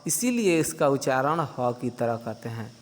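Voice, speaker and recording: A male teacher gives children a grammar lesson, explaining slowly and patiently, asking questions and then answering them himself. His mid-range voice is very animated, and the recording has a long hall reverb.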